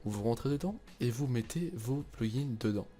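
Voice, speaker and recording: A young man hosting a casual game server tutorial, chatty and relaxed, with many fillers and restarts. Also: medium pitch, moderate pace, faint music behind. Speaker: tutorial host.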